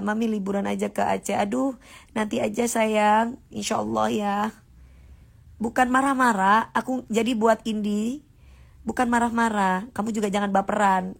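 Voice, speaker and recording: A combative woman, talking straight to her livestream viewers. Her voice sits a little high, and she stays sassy and dismissive throughout. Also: gravelly. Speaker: livestream host. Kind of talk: casual livestream rant.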